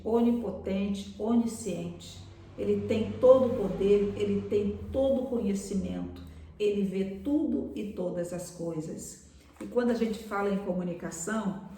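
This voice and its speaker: A woman's voice: medium pitch, far from the mic, a little hiss or hum. Woman preaching in an echoey room. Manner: warm pastoral address, calls listeners "amados". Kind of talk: sermon on a live stream.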